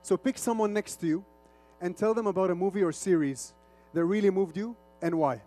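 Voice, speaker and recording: Over faint music, a middle-aged man with a high-pitched, mellow voice speaks a little fast. He is an Arabic speaker of Lebanese origin, raised in Saudi Arabia, and a media executive presenting informally and interactively at a conference, moving between Arabic and English.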